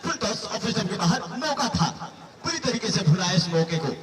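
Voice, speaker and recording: A man delivers excited cricket commentary in a very high voice, with animated, flowery play-by-play. His calls echo from a distant public address system at an outdoor ground, with a noisy crowd behind him. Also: brisk. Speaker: cricket match commentator and announcer. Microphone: public address microphone.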